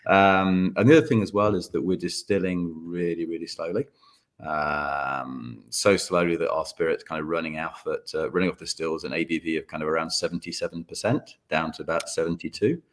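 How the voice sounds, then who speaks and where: A man talking casually as a guest distiller on a video call, relaxed and chatty with many ums. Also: deep voice, a little fast.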